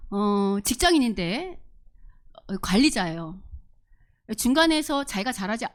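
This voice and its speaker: A woman pastor preaching a sermon in a church service, earnest and full of rhetorical questions to the congregation. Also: sits high. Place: church service, streamed online.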